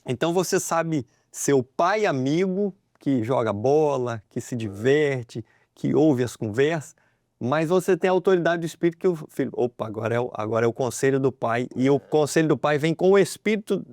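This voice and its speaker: A Brazilian Portuguese-speaking man on a religious family program who speaks in a measured, hesitant way and often agrees with his co-host. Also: mid-range voice, lively intonation, darkish tone, no echo, clean studio sound. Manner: measured, hesitant, with many affirmations.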